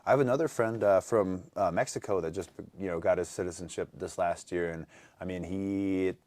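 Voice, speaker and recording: A man's voice: low voice, fairly quick, darkish tone, no echo. A man in his twenties from North Dakota, a guest musician telling long rambling stories with many fillers in a casual interview. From North Dakota, USA. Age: 20s.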